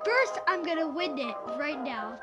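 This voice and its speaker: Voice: high-pitched, big pitch swings, unhurried, over music. A young performer voicing a cheeky, taunting blue hedgehog plush toy in a homemade toy video.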